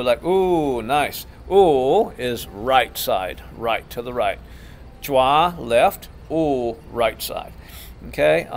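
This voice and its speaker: A man's voice: medium pitch, a little hiss or hum. A middle-aged man with an ordinary mid-range voice teaches his students class terms for an instructional video. He speaks patiently and says each term more than once before explaining it. His tone is that of a martial arts instructor addressing a class.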